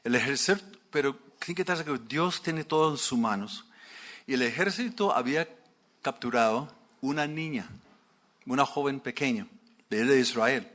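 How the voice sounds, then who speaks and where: A man preaching a sermon, retelling a story in a lively way and asking the listeners questions. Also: mid-range voice.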